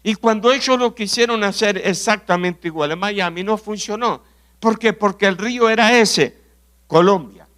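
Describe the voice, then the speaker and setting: A man from Argentina with an Argentine accent preaching a sermon, telling stories, asking rhetorical questions and often clearing his throat. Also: high voice, normal speed, fairly bright tone. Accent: Argentine Spanish. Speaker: pastor.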